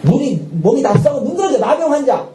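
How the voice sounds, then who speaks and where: A male pastor preaching a sermon with lively energy, often shouting out dramatic lines and laughing. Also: very high voice, fast talker. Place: church sanctuary at a Friday night service. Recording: echoey church hall, distant mic, faint noise.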